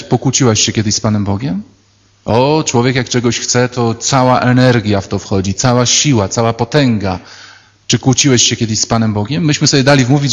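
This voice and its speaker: A man's voice: mid-range voice, big-room sound. Priest guy giving a sermon, ironic and playful, acts out people mid-story.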